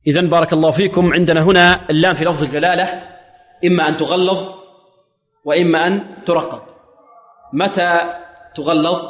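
A man with a fairly high voice gives a lesson on the rules of Quran reading. He asks his students questions, answers them himself, and slows down to sound out words as they are recited. The recording rings with a long echo, as if made in a large hall. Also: fairly even intonation, fairly bright tone. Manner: asks students questions and answers them himself, often repeating "may God bless you".

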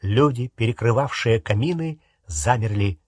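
Male audiobook narrator, unhurried, husky, dry close sound. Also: medium pitch, no room sound. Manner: unhurried expressive storytelling. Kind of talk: audiobook reading.

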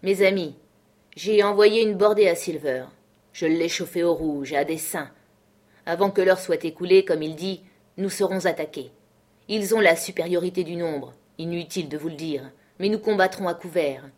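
A woman's voice: on the low side, moderate pace, darkish tone, lightly acted. A woman voicing a stern, commanding male sea captain in a read-aloud novel. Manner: firm, commanding, reproachful. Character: stern commanding ship captain, man, unyielding.

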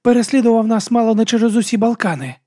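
A man's voice: extremely high pitch, quick pace, mellow, pitched above the performer's own voice. A man voicing a hurt, dazed young woman who mutters through her teeth in an audiobook reading.

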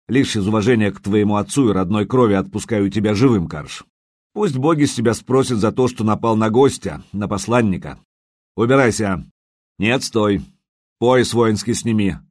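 A man voicing a stern older prince who speaks quietly, coldly and menacingly while passing judgment. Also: lowish voice, breathy edge, no room sound, studio quality.

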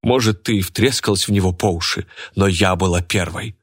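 A man's voice: deep voice, brisk, husky, dry recording, clean studio sound. A man voicing a jealous, burly young woman who bellows and bosses everyone around. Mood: furious. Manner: bellowing and bossy.

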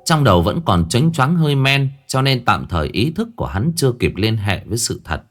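A man narrating a horror story in an expressive, colloquial way. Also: mid-range voice, brisk, faint music behind.

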